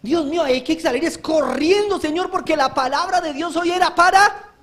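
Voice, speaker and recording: A male pastor giving a live church sermon, fervent and exhorting, breaking into shouts and joking asides. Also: extremely high pitch, normal speed. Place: church service.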